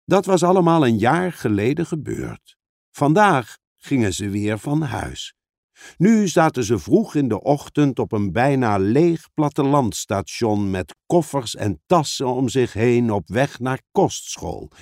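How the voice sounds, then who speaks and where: A man narrating a children's fantasy audiobook with expressive storytelling. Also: medium pitch, measured pace, creaky, dry recording, clean studio sound.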